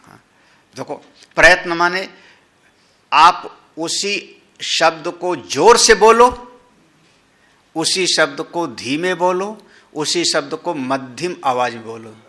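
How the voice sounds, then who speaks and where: A man's voice: fairly high pitch, bright, forceful tone. A man, a swami, giving a scripture discourse, chanting Sanskrit lines, explaining them in Hindi and sounding out syllables for his listeners. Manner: demonstrates syllable sounds and tones aloud. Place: ashram hall.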